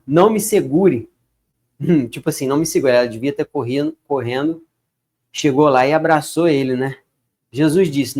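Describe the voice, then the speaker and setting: A man with a fairly high voice reads scripture aloud. He keeps stopping to add casual, conversational remarks before going back to the text. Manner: reads verses then comments in relaxed chatty asides. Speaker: bible reader. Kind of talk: casual bible reading with commentary.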